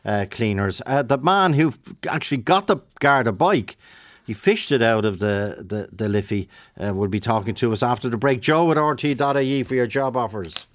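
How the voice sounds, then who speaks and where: An Irish man hosting a live radio phone-in, talking briskly and chattily with frequent restarts into a studio microphone. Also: mid-range voice, no echo.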